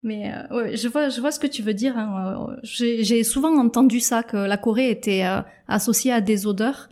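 A woman in her thirties co-hosting a casual podcast, explaining things in a measured way with soft hesitations. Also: a little high. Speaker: podcast co-host.

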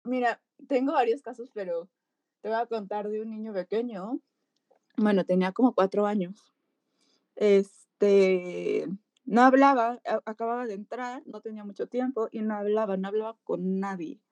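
Mexican woman, lively storyteller. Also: mid-range voice, moderate pace, no room sound. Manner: lively storytelling, acts out voices in quotes. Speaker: pediatric physiotherapist. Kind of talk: telling a story in an interview.

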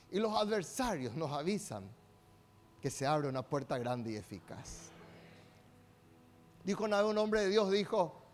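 A man preaching a sermon as pastor, calling out to the congregation for responses and swinging between soft asides and loud exhortation. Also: high voice.

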